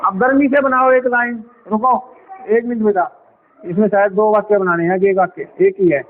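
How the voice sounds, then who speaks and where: A male primary school teacher gives a Hindi lesson in a classroom. He speaks patiently and coaxingly, repeating words and sounding them out slowly for the children. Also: high-pitched, fairly even intonation. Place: village government school classroom. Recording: tinny phone-like sound with faint noise.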